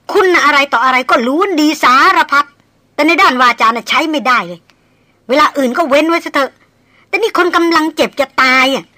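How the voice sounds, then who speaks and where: Proud young noblewoman, read by a woman: bright, tense, scolding tone, dry close audiobook sound. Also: high-pitched, dry recording, pitched above the performer's own voice. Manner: scolding, indignant. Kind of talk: audiobook character voice.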